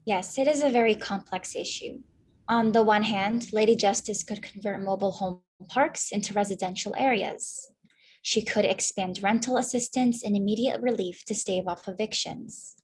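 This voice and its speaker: A woman's voice: mid-range voice, slightly rough. A young woman playing a news anchor in a staged newscast, formal delivery.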